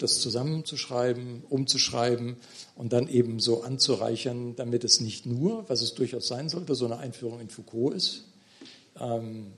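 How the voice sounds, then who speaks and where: A man's voice: mid-range voice, creaky, a bit bright. A middle-aged man talking about his book in a lecture hall, hesitant, with many fillers and restarts. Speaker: author at a book talk. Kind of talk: thoughtful academic talk.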